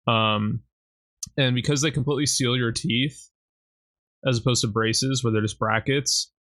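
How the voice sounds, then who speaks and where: A man co-hosting a podcast in casual chat, blunt and quick to swear while he rants. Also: medium pitch, fairly even intonation, fairly bright tone. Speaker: podcast co-host.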